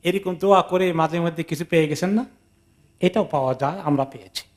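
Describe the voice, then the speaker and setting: A man's voice: fairly high pitch, brisk. A man who is an imam, giving a conversational scripture commentary lesson, mixing in English words and asking his listeners questions. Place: mosque.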